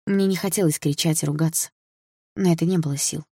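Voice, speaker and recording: Brief: female first-person audiobook narrator, low pitch, dry sound. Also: steady tone, fairly quick, warm tone, husky, no room sound.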